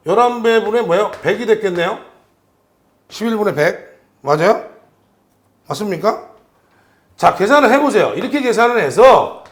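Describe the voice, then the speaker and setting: Male lecturer, high, lively voice, keeps quizzing students; roomy echo. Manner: animated, questions students constantly. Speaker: exam prep instructor.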